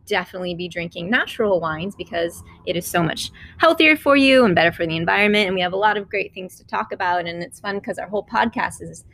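Chatty woman co-host with a gravelly edge. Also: on the low side, fast talker, few pauses, a bit bright, poor audio. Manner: chatty, enthusiastic, laughs easily. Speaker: podcast co-host. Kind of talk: casual chat.

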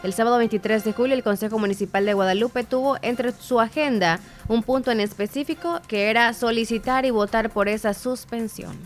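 A woman's voice: fairly high pitch, steady tone, a little fast, few pauses, faint music behind. Salvadoran woman co-hosting morning radio. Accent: Salvadoran Spanish. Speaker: radio morning show co-host. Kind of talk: reading news and casual chat.

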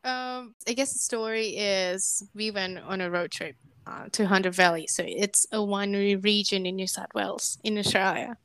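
A woman in her early thirties co-hosts a casual podcast and tells her stories in an easygoing, chatty way. Her voice sits at a middle pitch and sounds dry and close, with no room around it. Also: steady tone, normal speed, a bit bright, clean tone, no echo. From Indonesia. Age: early 30s. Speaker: podcast co-host.

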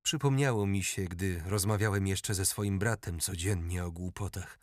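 Man reading an eager, excitable courtier. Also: sits low, normal speed, no echo, studio quality, close to an everyday voice. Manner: enthusiastic, animated questioning.

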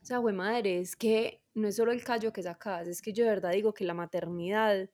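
A woman co-hosting a podcast, asking gentle, slow questions in casual chat. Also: medium pitch, steady tone. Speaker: co-host.

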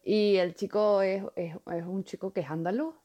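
Woman, casual podcast chat, halting, repeats words, middle pitch. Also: fairly even intonation, dark tone. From Venezuela. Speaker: podcast co-host.

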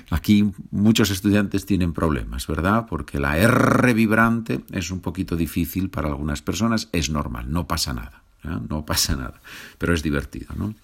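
A man with a very deep, low voice gives a Spanish grammar lesson. He speaks slowly and patiently, repeats each example and checks that the learner is following. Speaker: Spanish teacher. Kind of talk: slow, clear grammar lesson.

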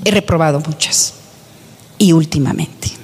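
A woman's voice: low voice, unhurried, slight background noise. Woman preaching in a reverberant hall. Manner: emphatic, rhetorical questions to the congregation. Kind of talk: sermon.

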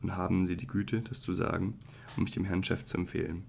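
A man voicing a young male clerk turned into an insect, apologizing in a hurried, stumbling way while reading an audiobook. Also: low-pitched, little pitch movement, gravelly, slight background noise. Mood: flustered pleading.

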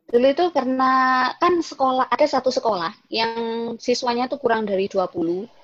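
A woman's voice: a little high, brisk, no echo, muffled recording. A woman in her twenties from East Java, a teacher chatting in an interview and telling her story. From Malang, East Java. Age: 20s. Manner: chatty storyteller, mimics her own past thoughts. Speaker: guest, vocational school teacher. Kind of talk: casual interview.

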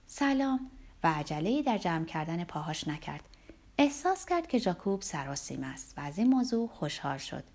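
A woman narrating a novel as an audiobook in an expressive voice that sometimes drops to a hush. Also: lowish voice. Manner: expressive, at times hushed to a whisper.

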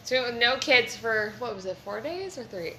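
A woman co-hosting a casual chat, animated and swearing freely as she tells stories. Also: fairly high pitch, a little fast, echoey room, a little hiss or hum.

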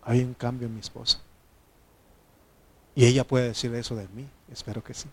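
A man preaching a conversational sermon, speaking informally with filler pauses and frequent amens to his congregation. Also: medium pitch, little pitch movement, fairly bright tone, slightly rough, no echo.

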